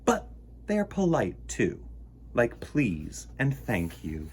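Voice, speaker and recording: Taking it slowly, a mid-range male storytime host reads a picture book aloud to children against slight background noise. He speaks to the young listeners directly, with animated, theatrical, playful exclamations and gasps.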